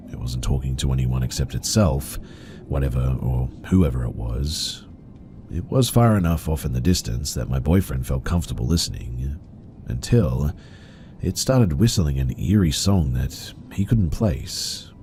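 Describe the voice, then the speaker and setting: Very deep, dark-voiced male narrator. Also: a little hiss or hum. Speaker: horror story narrator. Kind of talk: scripted narration of reader-submitted stories.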